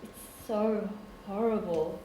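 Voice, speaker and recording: A woman's voice: medium pitch, takes it slowly, mellow, close to an everyday voice. A young woman playing a mean-girl medical student who confesses awkwardly, with a hesitant, melodramatic delivery in a stage comedy. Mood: awkward, confessional. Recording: echoey stage, faint noise.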